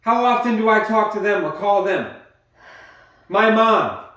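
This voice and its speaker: A man's voice: brisk, recorded from a distance. Pissed-off guy cussing in a heated fight, echoey room, mic way off. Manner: angry, swearing, shifts between yelling and low muttering. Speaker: partner in a domestic argument. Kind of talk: heated argument. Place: house, indoors.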